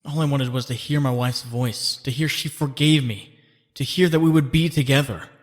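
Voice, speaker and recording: In a fan comic dub, a man with a medium-pitched voice and moderate pace plays an earnest young superhero and also narrates. The character is a married young man who swings through the city on webs, and the speaker is both narrator and lead voice actor.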